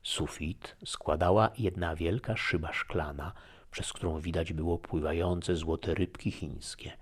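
A man narrating a classic novel in a measured, formal reading style. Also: deep voice, fairly even intonation, slightly rough. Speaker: audiobook narrator. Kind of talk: scripted narration.

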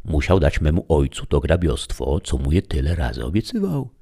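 A man voicing an eager fourteen-year-old peasant girl in a read-aloud classic novel, her lines high and excited. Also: moderate pace, vocal fry, slightly rough, exaggerated voice.

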